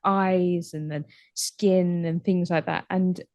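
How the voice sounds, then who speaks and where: A woman's voice: lowish voice, fairly even intonation, takes it slowly, no room sound. Chatty woman podcast host. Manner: warm, chatty, uses many likes and you knows. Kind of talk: podcast interview.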